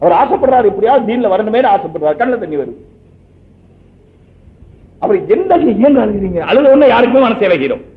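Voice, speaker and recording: An Islamic preacher delivers a sermon in a chatty, conversational style, telling everyday stories and posing rhetorical questions to listeners. His high voice swings widely in pitch, moving briskly with long pauses, and the recording is echoey and lo-fi, like a phone.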